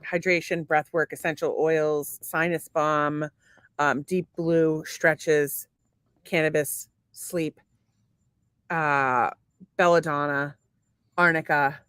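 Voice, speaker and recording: A woman's voice: deep voice, steady tone, slow pace, a bit bright, smooth, no room sound, clean studio sound. A woman in her forties co-hosting a casual podcast, rambling through lists with many fillers and swearing freely. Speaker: podcast co-host. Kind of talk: casual chat.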